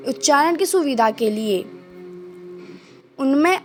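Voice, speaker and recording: High-voiced woman teaching a grammar lesson. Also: lively intonation, slow, soft background music. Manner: repeats points and quizzes the listener; mixes in English words.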